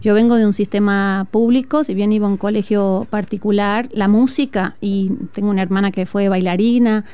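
A woman from northern Argentina with a northern Argentine accent, a music teacher speaking earnestly and reflectively as an interview guest, often pausing on fillers. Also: medium pitch, fairly even intonation, dark tone, smooth, no room sound. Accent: northern Argentine Spanish. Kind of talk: conversational interview. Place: school patio, outdoors.

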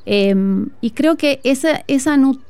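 A woman with a northern Argentine accent speaks as a guest music teacher, earnest and reflective, with a few thoughtful fillers. Her voice is warm and mellow, smooth and resonant. She talks outdoors in a school patio. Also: high-pitched, lively intonation, slow, no room sound. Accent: northern Argentine Spanish. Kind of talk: conversational interview.

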